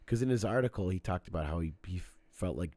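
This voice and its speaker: A man's voice: sits low, quick pace, dry recording. A man co-hosting a casual podcast, rambling and profane as he tells stories and clicks through things. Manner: profane, rambling, animated storytelling. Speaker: podcast co-host. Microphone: desk mic with cameras.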